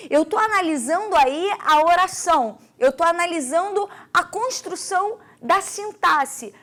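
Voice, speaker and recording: High, lively Brazilian woman teaching. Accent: Brazilian Portuguese. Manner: explanatory, careful. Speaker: Portuguese language teacher. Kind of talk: recorded video lesson.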